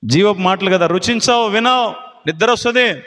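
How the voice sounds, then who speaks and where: High, bright-voiced preacher man in a reverberant hall. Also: brisk. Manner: impassioned, rhetorical questions, mimics voices. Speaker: pastor. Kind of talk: live Telugu sermon. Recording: live hall with long reverb.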